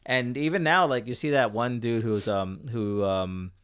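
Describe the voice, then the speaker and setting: A man's voice: mid-range voice, unhurried, a bit bright, smooth. A man chatting casually on a podcast, joking and easygoing, often hesitating with ums.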